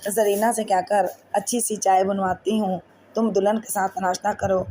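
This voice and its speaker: Doting old mother-in-law in a storybook reading, a lady voicing her, flat even tone, faint hiss behind. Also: medium pitch, natural voice, rough recording. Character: affectionate older mother-in-law, gentle and doting.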